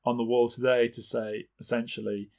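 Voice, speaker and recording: A man's voice: mid-range voice, flat delivery, moderate pace, creaky, darkish tone. A man hosting a podcast, chatting casually and earnestly, with eager agreement. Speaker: podcast host.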